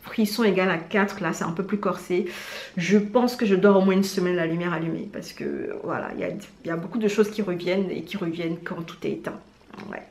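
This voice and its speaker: A woman vlogger chatting casually in an animated, slangy, self-mocking way as she gives recommendations. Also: fairly low pitch, brisk. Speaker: vlogger presenting drama recommendations. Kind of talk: casual chat to camera. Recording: roomy indoor echo.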